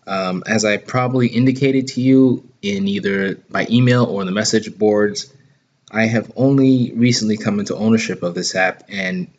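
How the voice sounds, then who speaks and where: A man's voice: on the low side, normal speed, dull audio. A man giving a casual tutorial for writers, hesitant and full of ums, uhs and restarts, speaking while he has the hiccups. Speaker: app owner giving a tutorial. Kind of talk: screen-recorded tutorial.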